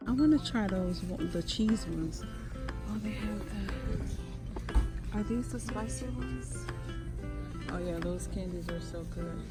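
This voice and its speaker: A woman's voice: medium pitch, takes it slowly, pauses often, loud music behind the voice. A young woman, chatting casually to viewers in a shopping vlog. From Florida. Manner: chatty, addressing viewers as y'all. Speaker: vlogger.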